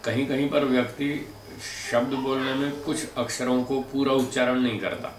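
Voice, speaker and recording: A man giving a spoken lecture on speech and pronunciation, explaining in a measured way and demonstrating sounds aloud. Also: mid-range voice, fairly even intonation. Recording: echoey room from a distant mic, faint noise.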